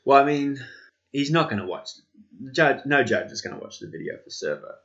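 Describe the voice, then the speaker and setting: A man's voice: medium pitch, expressive, fairly quick, fairly bright tone. A man talking casually as a podcast co-host. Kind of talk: casual chat. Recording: dull, lo-fi sound.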